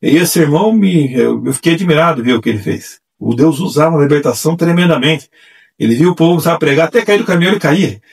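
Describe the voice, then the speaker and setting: A man telling his testimony as a church evangelist, animated and acting out the voices he quotes. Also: on the high side, fast, gravelly, husky. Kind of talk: testimony storytelling. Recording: distant mic.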